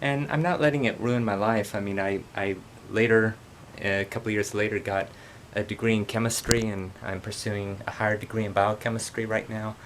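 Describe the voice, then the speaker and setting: Low and steady at a normal speed, a young man vlogs as he walks through a park beside traffic, with slight background noise. He retells a story earnestly, repeating and restarting many times.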